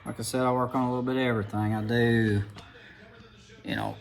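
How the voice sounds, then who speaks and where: A man's voice: mid-range voice, fairly even intonation, a little fast, vocal fry, soft background music. A man with an Appalachian hillbilly accent talks in a folksy, rambling way, like a mechanic giving a casual hands-on video tutorial.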